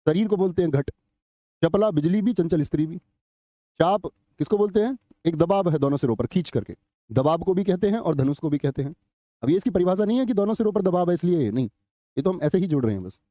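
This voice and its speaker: A man's voice: fairly high pitch, mellow, dry recording, clean studio sound. A man teaching a live online exam-prep class, chatty, quizzing students and reading their chat comments aloud. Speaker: Hindi teacher.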